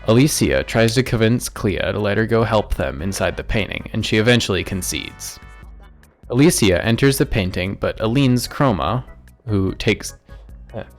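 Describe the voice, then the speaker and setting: A man's voice: on the low side, lively intonation, normal speed, faint music behind. A man giving a casual, joking recap of a video game's story, rambling into offhand asides. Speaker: gaming YouTuber.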